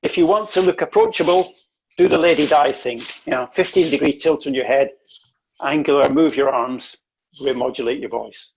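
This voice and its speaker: A man's voice: on the high side, normal speed, dull audio, slight background noise. A man presenting an online interview-skills workshop, coaching in an emphatic way and often repeating words.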